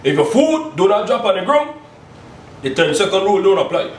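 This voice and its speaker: Fairly quick and very animated, the man's high-pitched voice bounces along as he demonstrates a recipe at home, tagging phrases with "you check?" A far-off camera mic makes the small indoor kitchen sound roomy, with slight background noise.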